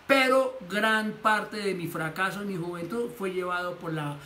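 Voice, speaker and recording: A man's voice: high-pitched, unhurried, bright, forceful tone. A man preaching a sermon as pastor, animatedly acting out the voices he quotes. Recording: echoey room with faint noise.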